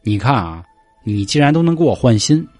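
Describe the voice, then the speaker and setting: A man's voice: medium pitch, sing-song, brisk, a little mellow, no echo, faint music behind. A man voicing a naive, simple-minded young male scholar who whines and swears when he is upset. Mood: whiny. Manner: whiny, coarse, easily upset.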